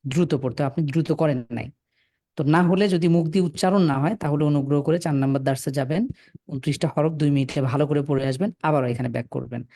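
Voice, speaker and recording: A man teaching Quran reading over a video call, patiently but firmly correcting students and spelling letters slowly. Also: a little high, warm tone, no echo, clean studio sound. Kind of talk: online class, correcting students.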